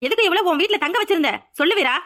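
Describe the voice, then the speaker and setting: A woman performs cartoon voice acting as a blunt young woman who takes on her friend's former partner, with a confrontational, demanding edge. She speaks very fast in a very high pitch, with lively intonation and a fairly bright tone.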